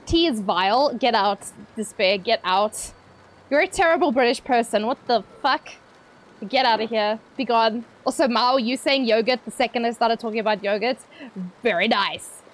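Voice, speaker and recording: A woman's voice: on the high side, normal speed, poor audio. A young woman streamer chatting casually with her viewers while gaming, playful and teasing, laughing often.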